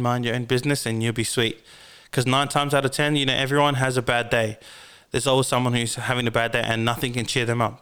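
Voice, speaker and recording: A man's voice: mid-range voice, a bit bright, smooth. A man with a broad New Zealand accent hosting a podcast, giving casual, slangy, sweary advice on his own. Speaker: podcast host.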